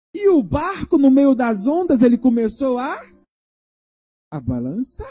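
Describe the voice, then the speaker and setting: A male pastor giving a children's sermon in a church, retelling a story and asking the children questions as he goes. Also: very high-pitched. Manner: animated, asks the children questions.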